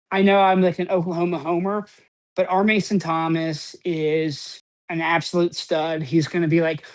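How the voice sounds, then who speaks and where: A man co-hosting a podcast, talking sports in a rambling, casual way, full of "um" and "like" and casual swearing. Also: fairly high pitch. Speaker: podcast co-host.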